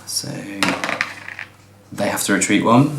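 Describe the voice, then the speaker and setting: Low-voiced man narrating a board game. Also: slow pace. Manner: chatty, laughing, explains moves aloud. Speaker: board game reviewer playing a match. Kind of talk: casual tabletop play commentary. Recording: roomy room with faint noise.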